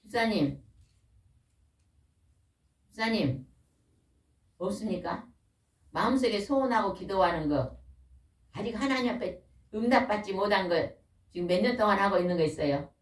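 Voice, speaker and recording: A middle-aged woman preaching a sermon in a small church, with a voice of ordinary pitch. She puts questions to the listeners and leans on key words. The recording catches her from a distance, in a roomy echo. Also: expressive. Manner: asks the congregation questions and waits for answers; slows and stresses key words. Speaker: pastor's wife preaching. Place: small church or worship room.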